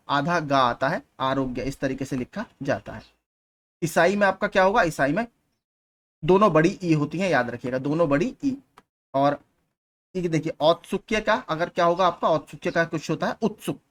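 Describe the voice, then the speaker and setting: A man's voice: a little high, lively intonation, moderate pace. A man teaching exam preparation, going through spelling questions one at a time and patiently repeating the key points.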